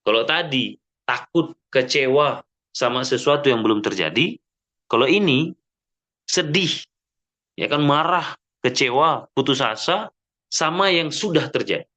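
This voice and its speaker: A man giving an Islamic sermon in a mosque, lively and full of rhetorical questions, often checking with the audience. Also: mid-range voice, unhurried, long pauses. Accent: Indonesian. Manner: frequent "ya kan?" checks with the audience. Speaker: preacher.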